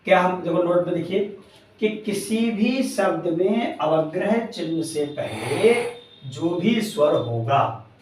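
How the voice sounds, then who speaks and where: A man teaching a lesson at a slow, measured pace, his voice set a little higher than most men's. He is recorded from a distance in a very echoey room. He keeps repeating key terms back to his students as questions. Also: lively intonation. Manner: addresses students warmly as friends. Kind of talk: classroom grammar lesson. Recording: very echoey room, voice far from mic.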